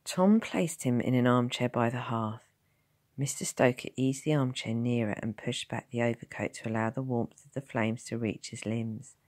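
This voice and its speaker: A woman's voice: very deep voice, moderate pace, a little mellow. A woman teacher reading a novel aloud, narrating expressively and voicing each character. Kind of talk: storybook narration.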